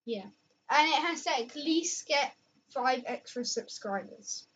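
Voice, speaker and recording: A woman's voice: high voice, expressive, measured pace, a bit bright, husky. A woman hosting a reaction video, rambling loosely and trailing off. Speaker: host. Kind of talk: casual reaction chat. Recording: dull lo-fi audio.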